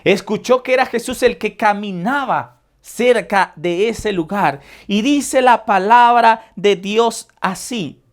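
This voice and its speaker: A woman's voice: medium pitch, takes it slowly. A woman preacher giving a sermon, retelling a Bible story and asking her listeners rhetorical questions. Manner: addresses listeners as brothers and sisters with rhetorical questions.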